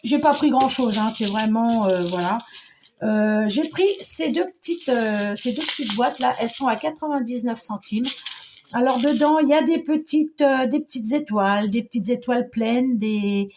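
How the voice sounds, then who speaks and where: A woman's voice: on the high side, normal speed, darkish tone, a little hiss or hum. Chatty middle-aged woman from Paris. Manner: chatty, hesitant, many fillers and restarts. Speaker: scrapbooking vlogger. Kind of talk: casual show-and-tell chat.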